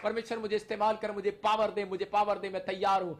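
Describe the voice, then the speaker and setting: A man's voice: sits high, little pitch movement, quick pace, noisy background. A male pastor leading a fervent prayer sermon, calling out short repeated declarations for the congregation to say after him. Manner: leads the audience in repeated call-and-response declarations.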